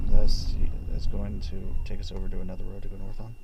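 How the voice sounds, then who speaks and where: A man's voice: sits low, monotone, a little fast. A man giving casual live commentary and directions as a storm chaser inside a moving vehicle. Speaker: storm chasing navigator and live streamer. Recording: loud vehicle and road noise.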